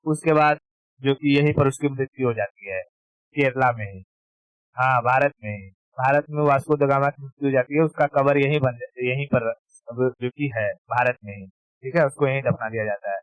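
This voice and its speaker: A man's voice: mid-range voice, normal speed, no echo, highs cut off. A man teaching history in a casual exam-prep lecture, informal, repeating key terms and checking that students follow.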